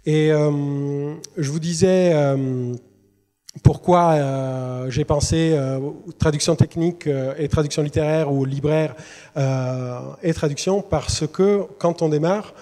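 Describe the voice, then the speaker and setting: Speaking slowly in a warm voice on the high side, an Italian-native man who works as a literary translator gives a presentation to students. He is hesitant, with many fillers and restarts, in a university lecture hall whose size lends a long reverb.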